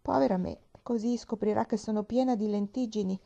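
A woman's voice: mid-range voice, a little fast, vocal fry, dark tone, highs cut off, voice pushed up. A woman voicing a cheerful, chatty little girl in a storybook reading, eager and bubbly.

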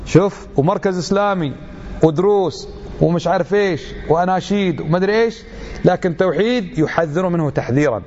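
A man's voice: sits high, brisk, darkish tone, dull audio, a little hiss or hum. A middle-aged man giving an emphatic religious lecture, full of rhetorical questions.

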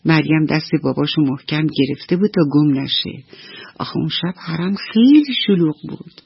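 A woman storyteller narrating a children's bedtime story on the radio in an expressive, storytelling manner. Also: deep voice, gravelly, slightly rough. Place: radio studio. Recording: dull dry old radio recording.

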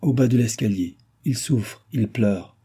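A man reading the part of a proud young noblewoman speaking from a trance, in a hushed, dreamy voice. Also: mid-range voice, measured pace, husky. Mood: entranced.

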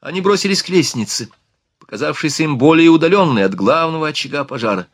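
A man narrating an audiobook in a steady, expressive reading. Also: a little high, fast, no room sound, clean studio sound. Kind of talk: scripted narration.

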